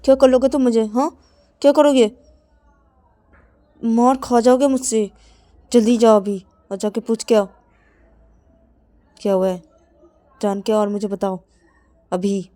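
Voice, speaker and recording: A woman voicing a demanding young man who keeps pressing his partner, in an insistent, taunting manner with high-pitched shouting. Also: level tone, fairly quick, few pauses, lightly acted.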